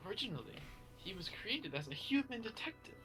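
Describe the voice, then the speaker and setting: Someone reading visual novel script on a let's play, medium pitch, music under it. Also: big pitch swings, brisk, bright, forceful tone, rough recording. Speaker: let's play narrator reading game dialogue. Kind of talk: scripted visual novel dialogue read aloud.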